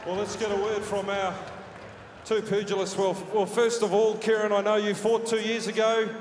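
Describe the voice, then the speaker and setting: A man's voice: high-pitched, little pitch movement, moderate pace, crowd noise. A man asking questions in a post-fight interview. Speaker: ringside interviewer. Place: large indoor arena. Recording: echoey hall PA, slightly noisy.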